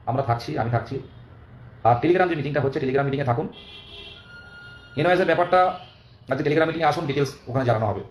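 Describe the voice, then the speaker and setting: A young man with a West Bengali accent and a hoarse, worn-out voice, making an earnest, urging live-stream appeal to followers. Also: medium pitch, darkish tone. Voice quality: hoarse, strained voice. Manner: urging, repetitive, earnest pleading. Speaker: activist leader among job-seeking teacher candidates. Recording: echoey, faint background noise.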